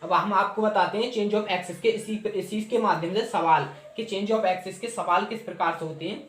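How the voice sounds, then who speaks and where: Hindi math teacher in an echoey room. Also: male voice, high voice, normal speed, a bit bright, slight background noise. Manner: asks and answers his own questions, repeats steps. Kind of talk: classroom explanation of a trig table.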